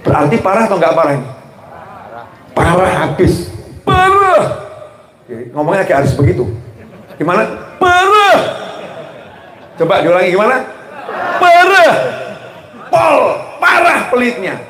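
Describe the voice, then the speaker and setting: A man preaches to a gathering in an animated, joking way, calling back and forth with his listeners. His voice sits high for a man. The sound rings through an echoey hall. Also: fairly quick, a little hiss or hum. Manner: animated, humorous, call-and-response with audience. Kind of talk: religious sermon.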